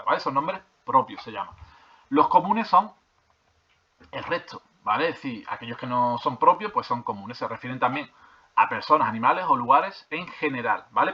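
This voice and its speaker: A man, teaching primary school grammar. He goes over each point more than once and keeps checking in with "¿vale?" and "¿de acuerdo?", hesitating as he reads from the textbook. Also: medium pitch. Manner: hesitant with fillers and restarts while reading from a textbook. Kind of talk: classroom explanation of grammar. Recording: slightly dull lo-fi recording.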